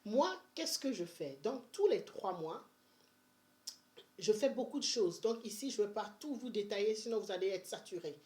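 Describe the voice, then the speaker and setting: Woman vlogger, Benin-born, chatty and energetic, casual advice talk. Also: mid-range voice, normal speed. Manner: chatty and energetic, with many fillers and restarts. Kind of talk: casual money-saving advice vlog.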